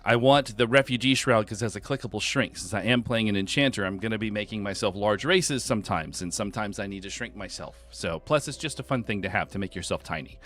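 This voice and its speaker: A man's voice: lowish voice, fast talker, few pauses, a bit bright. A man hosting a game live stream from home, chatting casually and greeting viewers by name.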